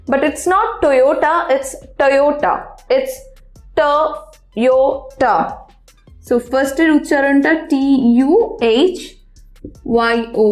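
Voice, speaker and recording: A woman's voice: high voice, darkish tone, reverberant. A woman teaching English pronunciation in a lesson, spelling out words letter by letter. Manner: slow, spelling out letters one by one. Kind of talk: spoken language lesson.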